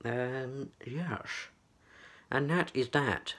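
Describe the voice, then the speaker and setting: Male vlogger, rambling bedroom chat, slow, unhurried delivery. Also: mid-range voice, a bit bright. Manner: rambling, repeats himself, fillers. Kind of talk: casual chat to camera. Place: his small bedroom. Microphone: camera on a tripod.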